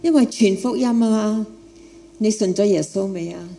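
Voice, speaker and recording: Mellow woman preaching in foreign-accented Cantonese. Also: medium pitch, moderate pace, slight background noise. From outside Hong Kong, a foreigner. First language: not Cantonese. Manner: repeats phrases for emphasis, asks the listeners questions. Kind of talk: sermon with personal testimony.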